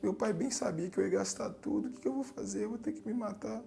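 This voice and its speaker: A man's voice: high voice, fast talker, vocal fry, dark tone, voice pushed up. A man doing a despairing ruined young heir. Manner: pleading, despairing.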